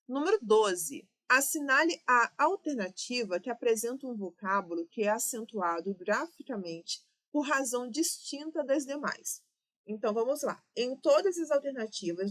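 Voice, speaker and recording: A woman's voice: fairly high pitch, a bit bright. A woman with a Brazilian Portuguese accent, teaching an exam-prep grammar lesson, explaining step by step and checking in with "ok?" and "né?".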